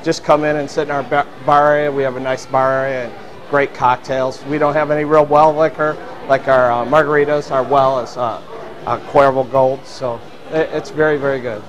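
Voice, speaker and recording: A man's voice: medium pitch, little pitch movement, normal speed. A middle-aged man, a restaurant owner, answering interview questions with many fillers and restarts, seated in a busy dining room. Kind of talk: on-camera interview. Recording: restaurant crowd noise behind. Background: diners chattering.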